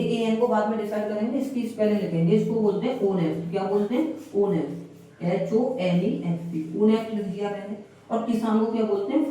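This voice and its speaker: A man's voice: high-pitched, darkish tone. Man teaching far off in a very echoey room. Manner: repeats key phrases and quizzes the class with questions. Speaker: English teacher. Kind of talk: classroom grammar lesson. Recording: very echoey room, voice far from mic, faint hiss.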